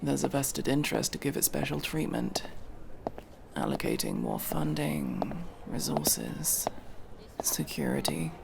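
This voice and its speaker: A performer plays a guarded, sardonic masked elf rogue in a casual ASMR roleplay, addressing the listener with hesitant asides in a wry tone. The voice is medium-pitched and creaky, swinging hugely in pitch at a slightly slow pace, a full character voice. Music plays behind it.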